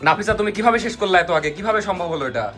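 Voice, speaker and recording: A man's voice: high-pitched, expressive, rapid-fire. A man chatting casually as the host of a challenge vlog. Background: clear music.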